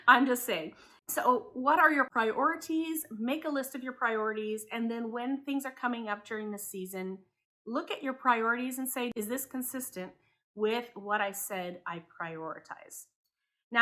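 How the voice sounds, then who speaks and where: A woman's voice: mid-range voice, pushed and bright. A woman in her thirties who grew up in Taiwan, talking candidly to camera as a homeschool vlogger and thinking aloud with hedging asides. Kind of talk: casual talk to camera.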